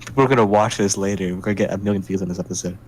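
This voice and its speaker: A man's voice: deep voice, steady tone, very fast, darkish tone, slight background noise, low-quality recording. A young man hosting a casual podcast chat, loose and joking, laughing often. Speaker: podcast host.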